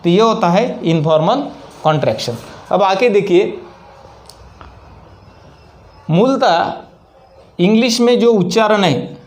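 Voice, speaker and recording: A man teaching an English lesson, explaining slowly and deliberately and spelling out example sentences. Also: sits high, lively intonation, a little mellow.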